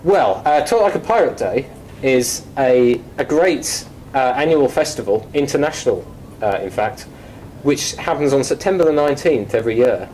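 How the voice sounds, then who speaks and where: A man with a British accent, a guest on a mock chat show, talking in a hesitant, wry way with many pauses. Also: mid-range voice, lively intonation, a little mellow, slight background noise, low-quality recording. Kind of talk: casual chat. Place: office.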